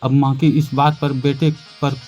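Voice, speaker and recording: A man's voice: medium pitch, level tone, unhurried, darkish tone, lo-fi sound, faint music behind. A man telling a moral story in scripted narration, voicing the mother and son lines himself. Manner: acts out the son's and mother's lines.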